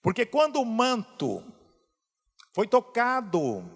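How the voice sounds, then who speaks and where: A man's voice: extremely high pitch, wildly swooping pitch, takes it slowly, gravelly, a bit bright. A male pastor preaching a sermon, asking the congregation questions as he goes. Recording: hall reverb.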